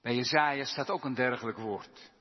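A man's voice: mid-range voice, normal speed. A man preaching a sermon in a church, rising with emphasis on quoted psalm lines. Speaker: pastor. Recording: dull sound, long church reverb.

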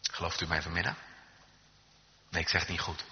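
A man preaching a sermon in a church, emphatic and swinging from hushed lines to loud calls, in a reverberant, dull recording. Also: sits low, fairly even intonation, brisk. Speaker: pastor.

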